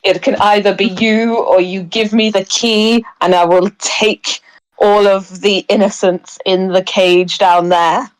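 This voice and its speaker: A woman voicing a menacing, possessed demonic tiefling woman who makes slow, ominous demands in a tabletop game. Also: medium pitch, fairly even intonation, close to an everyday voice, poor audio. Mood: menacing, commanding. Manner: menacing, possessed-sounding proclamation.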